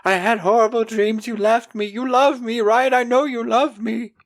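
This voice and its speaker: A man voicing a lovesick young man, whiny and pleading, raised high above his own voice. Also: steady tone, normal speed. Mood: clingy. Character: weepy lovesick young man, overwhelmed, clingy.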